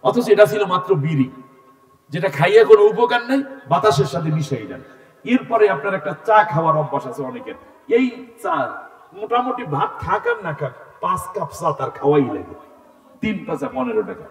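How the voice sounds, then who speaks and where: A man preaches an Islamic sermon to a large gathering. He swings between loud exhortation and low asides. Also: big pitch swings, moderate pace. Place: large open-air religious gathering. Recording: echoey hall sound from far off.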